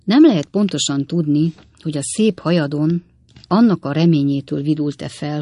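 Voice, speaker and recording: Woman narrator for an audiobook: low voice, dry and close. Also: dark tone, no echo. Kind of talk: scripted narration.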